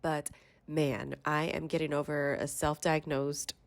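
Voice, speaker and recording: Stuffy-nosed woman, low chatty voiceover. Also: level tone, a little slow, no echo. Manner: chatty, rambling storytelling. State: stuffy, congested. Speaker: vlogger. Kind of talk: casual voiceover chat.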